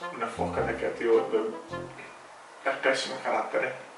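A man's voice: mid-range voice, level tone, normal speed, fairly bright tone. Young man joking, holding back laughter, echoey. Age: young adult. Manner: amused, trying not to laugh. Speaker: contestant in a joke challenge. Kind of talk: casual joke-telling with a friend. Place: home kitchen, indoors at a table. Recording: echoey room, distant mic, music behind.

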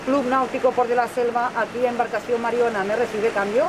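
A woman's voice: fairly high pitch, little pitch movement, fast, noisy background. A woman harbour master, making a formal call over a marine radio channel and repeating the call sign.

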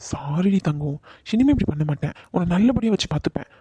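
A doting young husband from a cartoon drama, voiced by a woman, speaking low and husky. His dark, mellow tone coaxes and apologizes gently. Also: animated, quick pace. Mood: pleading. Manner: coaxing, apologetic, soft. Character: young husband, affectionate and pleading.

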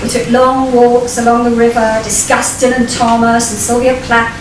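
Echoey, high-voiced Englishwoman reading a story onstage. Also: little pitch movement, recorded from a distance. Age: middle-aged. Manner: wry, theatrical, deliberate phrasing. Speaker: writer reading their own short story. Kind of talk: live expressive storytelling reading. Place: small vaulted performance venue, on stage. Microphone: distant camera microphone. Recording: echoey stage recording from afar, noisy room. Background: live audience ambience.

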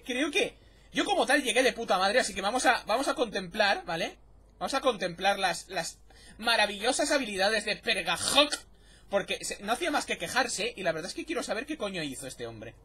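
A man with a Spain Spanish accent commentating a game replay, chatty and excitable, swearing freely. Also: high-pitched, fairly quick, breathy edge. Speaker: gameplay commentator. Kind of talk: replay commentary over gameplay.

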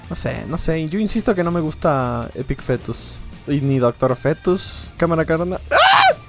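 A man's voice: a little high, expressive, moderate pace, a little mellow, faint music behind. A man giving playful, rambling let's play commentary, joking and laughing often. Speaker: gaming video creator.

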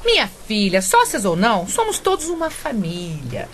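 In a radio soap, an actress plays Nélia, a scheming middle-aged mother and sweet-talking cook who coaxes and wheedles to get her way. Her medium-pitched, fairly bright voice swings hugely in pitch at a moderate pace, with slight background noise.

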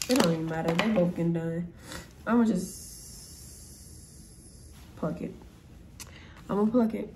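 In a laid-back makeup tutorial vlog filmed at home, a young woman rambles bluntly and swears freely as she applies her makeup. Her voice is mid-range, darkish, stuffy and nasal, with slight background noise.

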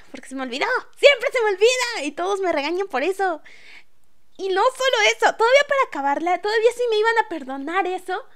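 A bubbly woman streamer with a very high, bright voice. She chats through her gameplay in an animated, playful way, and her voice keeps jumping up into yelps and laughs. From Mexico. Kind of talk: casual let's-play chat.

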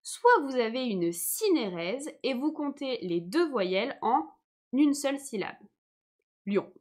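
Young female teacher, live online lesson, patient and reassuring, a touch high-pitched. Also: sing-song, a little slow. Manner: patient, checks in often with viewers.

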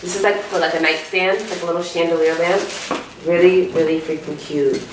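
A woman's voice: lowish voice, steady tone, fairly quick, background noise. A young woman vlogger casually chatting as she unboxes gifts, bubbly and slangy, full of "like" fillers. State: out of breath at times. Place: room at home, moving in. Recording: echoey empty room, camera mic from a distance.

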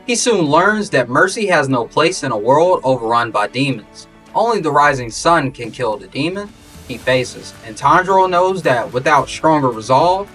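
A man reads a scripted story recap as a dramatic trailer narrator. His mid-pitched voice moves up and down with ominous emphasis. It sounds a little removed from the mic, with music playing behind it. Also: sharp tone, recorded from a distance.

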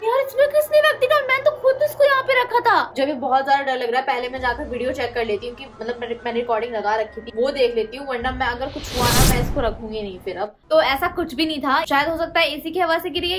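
A woman vlogger chatting casually to the camera in a dim room at home, nervous and giggly, with sudden gasps and squeals. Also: high-pitched.

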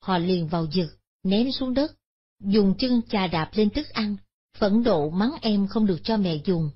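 A woman narrating a Buddhist moral story in a steady, solemn manner. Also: medium pitch, a little slow, breathy edge. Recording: dull lo-fi recording.

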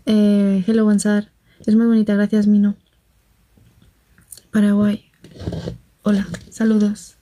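This young livestream host from Spain has a Barcelona accent and a dark, medium-pitched voice that stays monotone at a normal speed. Chatting casually from her phone, she reads comments, greets viewers, tells gossipy stories, and laughs often.

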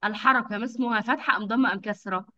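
A woman teaching young children over a video call, with patient, drawn-out enunciation and frequent praise. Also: mid-range voice, sharp tone. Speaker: kindergarten teacher. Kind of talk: online phonics lesson for young children. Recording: dull lo-fi video call audio.

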